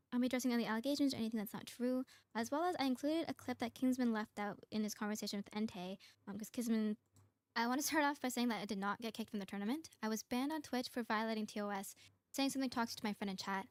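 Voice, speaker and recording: A woman gives a video statement with her voice pitched up into a chipmunk-like squeak. She talks fast and matter-of-fact, and the recording is dry and close. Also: no room sound. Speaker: streamer giving a video statement.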